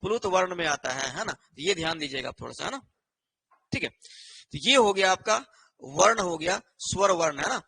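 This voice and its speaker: Male exam-prep tutor with a high, bright voice who repeats himself a lot and works through points on a board. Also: expressive, gravelly, slightly rough. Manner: repetitive, with a constant rhetorical "है ना" and "ठीक है"; explains slowly while writing on a board. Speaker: teacher. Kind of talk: online exam-prep lesson.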